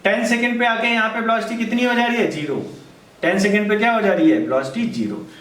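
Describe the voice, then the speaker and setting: Male physics tutor, high voice, quizzes the class and answers himself, stands off-mic in an echoey room. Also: a bit bright, far from the mic. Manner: asks questions and answers them himself, repeats key steps; reads problem text slowly and word by word. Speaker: physics teacher. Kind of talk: board lesson.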